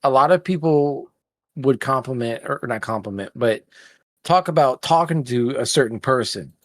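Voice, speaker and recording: A woman's voice: rumbling low, lively intonation, moderate pace, dry recording. A woman co-hosting a podcast in casual chat, with dry, teasing humor. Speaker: podcast co-host.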